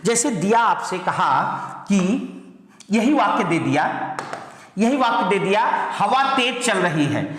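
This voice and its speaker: Male grammar teacher for exam prep, patient, repeats key terms slowly, big echoing room. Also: high-pitched, lively intonation, a bit bright. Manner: calls students "beta", repeats key words slowly. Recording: echoey hall.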